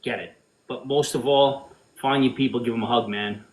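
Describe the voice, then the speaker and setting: A man's voice: medium pitch, steady tone, moderate pace, darkish tone. A man talking casually as a guest on a livestream, plainly and informally. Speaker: giveaway organizer, livestream guest. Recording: echoey room sound.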